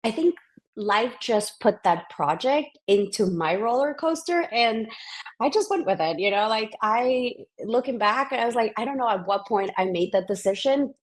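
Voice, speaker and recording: Guest, woman, 40s, from Ecuador, chatty and lively, often restarts mid-sentence. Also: fairly high pitch, moderate pace. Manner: restarts often, animated and enthusiastic. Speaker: guest, physician scientist. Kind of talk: casual interview conversation.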